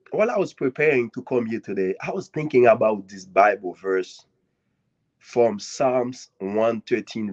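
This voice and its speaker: A man from Haiti, a guest author giving an earnest, grateful speech at a live author event, with swinging emphasis and long dramatic pauses. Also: medium pitch, darkish tone. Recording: dull lo-fi audio.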